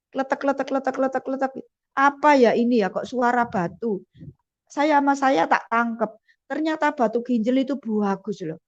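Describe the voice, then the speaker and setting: Earnest woman telling a testimony, lo-fi. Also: high-pitched. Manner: earnest and vivid, repeats phrases for emphasis. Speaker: speaker giving a testimony. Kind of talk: personal testimony storytelling. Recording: dull lo-fi recording.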